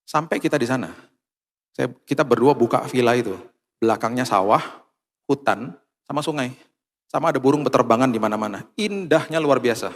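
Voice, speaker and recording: Pastor preaching in a reverberant hall. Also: male voice, mid-range voice, brisk, long pauses. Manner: storytelling with acted quotes, then fervent prayer. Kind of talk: sermon.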